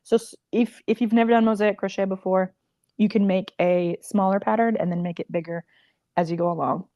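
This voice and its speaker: A woman's voice: medium pitch, steady tone, brisk, warm tone, dry recording, muffled recording. A woman crochet designer chatting casually on a livestream, rambling and emotional with many fillers.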